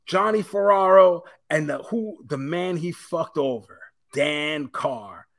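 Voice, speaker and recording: Guy cohosting a podcast, high voice, swears a lot, acts out quotes, super animated. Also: takes it slowly. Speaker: podcast co-host. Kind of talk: casual chat.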